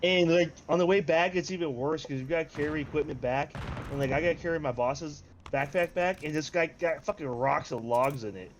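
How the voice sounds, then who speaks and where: A young American man with a slightly high voice talks a little fast in casual, swearing banter, emphatically repeating words for emphasis. Faint background noise is audible.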